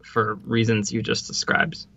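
A man co-hosting a casual music news podcast, talking in an excitable, emphatic way and swearing freely. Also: on the low side, unhurried, dull audio, background noise. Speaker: podcast co-host.

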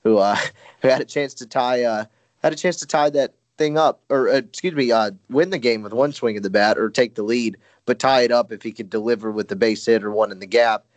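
A man breaks down a game in casual podcast chat, his middle-pitched voice recorded close and dry. He rambles, stops to correct himself and fills gaps with "uh". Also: fairly quick, no echo. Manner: rambling, frequent self-corrections and fillers. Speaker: sports podcast co-host.

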